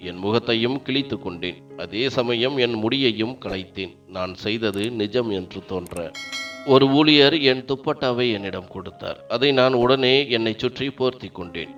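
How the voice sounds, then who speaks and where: A man narrating a first-person dramatic story in a steady storytelling manner. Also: on the low side. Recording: dull lo-fi sound, faint background music.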